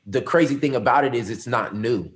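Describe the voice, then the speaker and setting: Middle-aged man, pastor, earnest and reflective, mid-pitched voice, relaxed conversational interview answers. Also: a little fast. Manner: earnest, reflective storytelling with many ums. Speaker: lead pastor.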